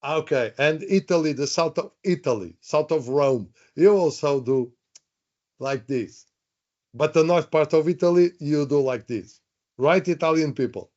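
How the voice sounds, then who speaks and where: A man's voice: on the high side, unhurried, darkish tone. A man teaching a live online workshop, chatty, repeating himself and asking the audience questions. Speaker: webinar trainer. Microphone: video call. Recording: dull lo-fi online call audio.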